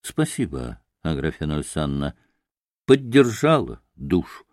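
A man's voice: medium pitch, huge pitch swings, unhurried, a little mellow, no echo, full character voice. A man voicing an agitated young man under accusation in an audiobook drama, pleading and emotional. His voice rises and falls widely, and the sound is dry. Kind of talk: audiobook character reading.

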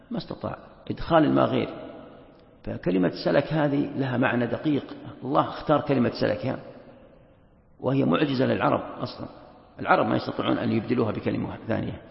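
A man's voice: medium pitch, vocal fry. A man, a sheikh teaching Quran commentary in a lecture, emphatic, repeating key phrases and asking rhetorical questions. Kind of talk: classroom lecture. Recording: echoey hall, dull lo-fi sound.

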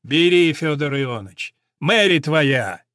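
A man's voice: a little high, lively intonation, slow, fairly bright tone, no echo, clean studio sound. Male narrator doing a raised-voice, boisterous horse dealer; storybook audiobook. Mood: roaring. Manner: boisterous, teasing. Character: jovial loud horse-owning sportsman, man.

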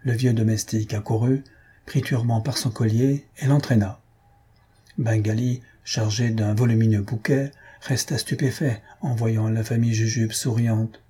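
A man narrates a comic novel in a steady, measured way. His voice is deeply husky, with a dark, mellow tone at an ordinary pitch. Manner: measured storytelling. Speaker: audiobook narrator.

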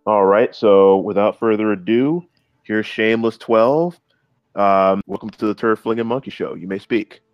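A man's voice: on the low side, fairly even intonation, normal speed, smooth, no room sound, lo-fi sound. A man co-hosting a podcast, easygoing, moving the show along and introducing guests. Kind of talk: casual podcast banter.

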